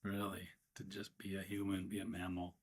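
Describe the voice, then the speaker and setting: In a guided meditation, a male guide speaks in a low, husky monotone. His pace is gentle and unhurried, with frequent pauses in the middle of sentences.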